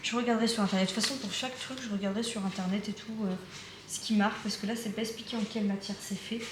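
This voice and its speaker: A woman's voice: medium pitch, steady tone, racing. Chatty French-speaking woman vlogging at home. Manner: chatty, enthusiastic, repeats herself with many fillers. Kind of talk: casual vlog chat. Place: at home, indoors. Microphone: phone or camera close by. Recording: echoey room with background noise.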